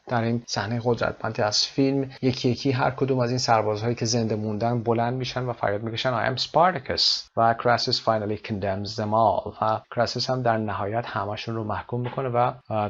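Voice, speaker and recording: A man's voice: mid-range voice, creaky, highs cut off. A man teaching an English lesson, explaining words and mixing English terms into his explanations, with some fillers.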